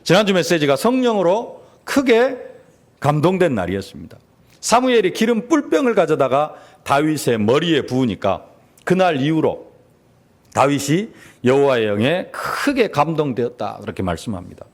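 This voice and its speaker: A man's voice: fairly high pitch, sing-song, normal speed. A man preaching a sermon as pastor in a church, with emphatic rising peaks, sudden drops and rhetorical questions. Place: church sanctuary.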